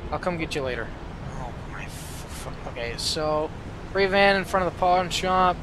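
A man's voice: fairly high pitch, animated, normal speed, background noise. A man giving casual, sarcastic gameplay commentary with plenty of swearing. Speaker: gamer.

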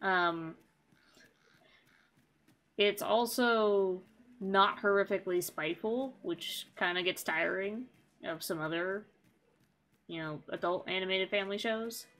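A woman's voice: medium pitch, slow, long pauses, fairly bright tone. A woman streaming a video game, chatting casually with sarcastic, jokey asides. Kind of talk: casual gameplay chat.

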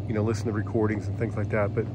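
A man casually walking through his campsite as he films, talking in a relaxed, rambling way with many fillers. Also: on the low side, racing. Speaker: vlogger. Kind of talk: casual walkthrough narration. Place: outdoor mountain campsite. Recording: outdoor camera audio with clear background noise.

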